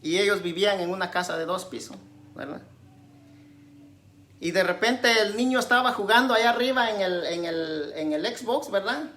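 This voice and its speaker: A woman preacher giving a conversational sermon, constantly checking in with her listeners and alternating loud emphatic questions with quiet asides. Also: lively intonation, moderate pace. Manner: conversational, tags nearly every phrase with a questioning aside; swings between raised emphatic questions and low asides.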